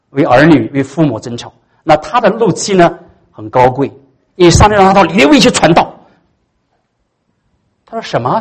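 A man preaching a sermon as pastor. He is emphatic and swings from loud peaks to soft asides. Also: a little high, slightly rough.

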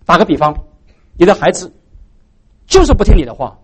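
A man's voice: high-pitched, sing-song, brisk, husky. A man preaching a sermon as pastor, posing rhetorical questions to the congregation.

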